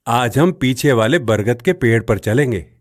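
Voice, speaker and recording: A woman voicing a gentle, reassuring father crow in a cartoon story. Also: rumbling low, moderate pace.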